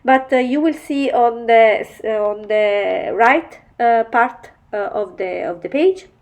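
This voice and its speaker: A woman with a bad cold, her voice nasal, talking through a mixed media art tutorial in halting, step-by-step English. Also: a little high. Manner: halting, explains each step in non-native English. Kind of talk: voice-over craft tutorial narration.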